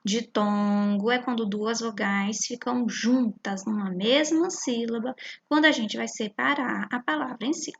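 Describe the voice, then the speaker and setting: A Brazilian woman with a slightly high, gravelly voice talks a young class through a worksheet. She is patient, breaks words into syllables slowly and keeps checking in with the children. The sound is a dull, lo-fi recording. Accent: Brazilian Portuguese. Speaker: primary school teacher.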